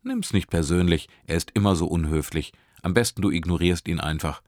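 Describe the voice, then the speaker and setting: A man's voice: deep voice, fairly quick, darkish tone, no room sound, clean studio sound. Teasing, chatty young woman driver, as a man reads her. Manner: talkative, teasing, laughing often. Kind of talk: audiobook character voice.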